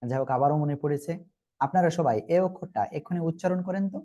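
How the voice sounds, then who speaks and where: A man's voice: fairly high pitch, fast, mellow, lo-fi sound. A man teaching Arabic letters in a Quran reading lesson, patient and repetitive, often checking that learners follow. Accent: Bangladeshi Bengali. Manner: patient, repeats and checks understanding.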